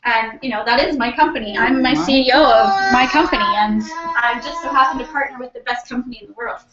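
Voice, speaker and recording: A Canadian woman with a somewhat high voice speaks quickly over a loud crowd, giving an upbeat, conversational business pep talk at a company team meeting and often asking the audience questions. She is in a room in a house before a live audience, and the live-feed recording sounds roomy, distant, dull and noisy.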